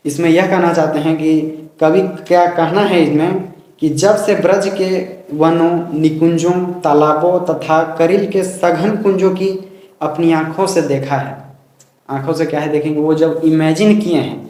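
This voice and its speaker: A man's voice: fairly high pitch, steady tone, a little mellow. Chatty male teacher in an echoey room. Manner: explains and recites verses slowly, chatty asides. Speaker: coaching teacher. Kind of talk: casual Hindi poetry lesson. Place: home room, dog barking outside.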